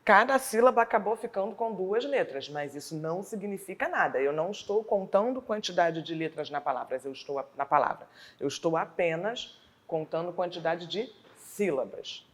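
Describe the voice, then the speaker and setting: Woman, Brazilian teacher, Rio de Janeiro accent, slightly low voice, spells out syllables slowly. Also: animated. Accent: Rio de Janeiro Portuguese. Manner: slow, deliberate syllable-by-syllable explanation. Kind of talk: online school lesson.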